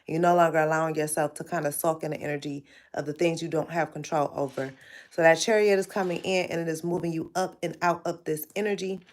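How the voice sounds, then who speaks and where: This tarot reader's voice is low-pitched and steady, and she talks quickly. She's running a relaxed live reading, chatting straight to her audience, though her sinuses make her sound nasal and congested.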